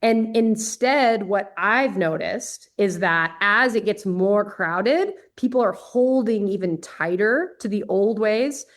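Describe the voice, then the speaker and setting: A woman's voice: medium pitch, slow pace, few pauses. Chatty woman telling a surf story. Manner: chatty, candid, peppered with "like". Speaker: podcast guest. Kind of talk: casual storytelling in conversation.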